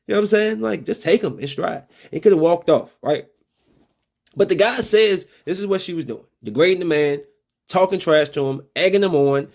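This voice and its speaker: On his own podcast, a man with a bright, high voice holds forth in loose, slang-heavy talk. He makes his points with animated, raised-voice re-enactments of confrontations.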